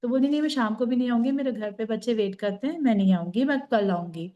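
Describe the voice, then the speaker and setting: A woman's voice: on the high side, fast, warm tone, lo-fi sound. A woman on a group video call telling a personal story in a reflective, conversational way. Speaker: group participant sharing a story. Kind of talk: casual chat on a group call.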